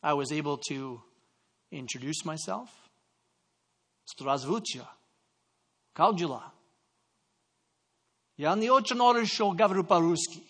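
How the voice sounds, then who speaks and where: A Canadian pastor with a fairly high, slightly bright voice preaches a sermon. He drifts into personal anecdotes with self-deprecating remarks and trips over quick restarts.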